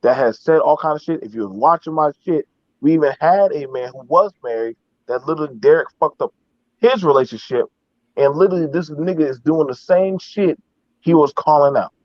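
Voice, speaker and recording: A man's voice: fairly high pitch, brisk, dry recording, lo-fi sound. A man in a casual, heated online discussion, speaking emphatically and repetitively with heavy swearing.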